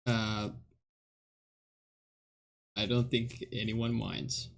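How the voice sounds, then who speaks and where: A man hosts a card game stream over a voice call, unhurried and easygoing. His delivery is slow and jokey, broken by frequent laughter. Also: lowish voice, little pitch movement, gravelly. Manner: chatty, jokey, laughs often. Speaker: stream host. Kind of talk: casual gaming chat.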